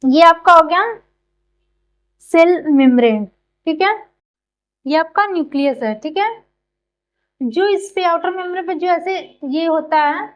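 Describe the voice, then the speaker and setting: Woman with a very high voice who teaches by everyday comparisons and quick questions she answers herself. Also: lo-fi sound. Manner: keeps asking and answering her own questions. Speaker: biology teacher. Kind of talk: explanatory classroom lecture.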